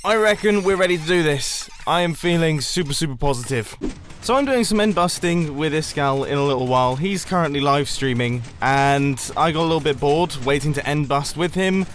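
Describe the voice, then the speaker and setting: Chatty man with a slightly high voice. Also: fairly quick, a bit bright, slight background noise. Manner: chatty and enthusiastic, laughs often; rambling with frequent restarts. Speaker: gaming YouTuber. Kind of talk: casual gameplay commentary.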